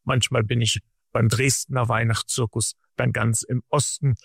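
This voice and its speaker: Guy with a gravelly voice, calm steady explaining, dry studio sound. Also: mid-range voice, no echo. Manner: measured, explanatory, long sentences. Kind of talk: radio interview answers.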